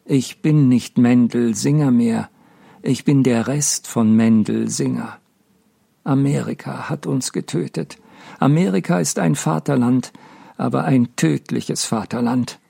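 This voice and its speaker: A man's voice: mid-range voice, gravelly, dark tone, breathy edge, no room sound, pitched above the performer's own voice, full character voice. Man reading as a grieving old father. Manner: slow, mournful lament. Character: aged grieving father, weary and broken. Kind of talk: audiobook reading.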